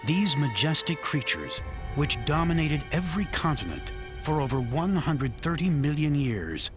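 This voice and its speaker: A man's voice: fairly high pitch, very animated, normal speed. A man narrating a nature documentary from a script with a grave, dramatic delivery. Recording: music under the voice. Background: dramatic music.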